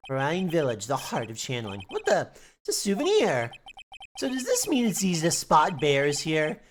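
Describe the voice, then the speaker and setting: A woman's voice: huge pitch swings, normal speed, a little hiss or hum. A woman from the United States playing and reading a game on stream, sarcastic and swearing freely in casual commentary. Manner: sarcastic, swears, jumpy pitch.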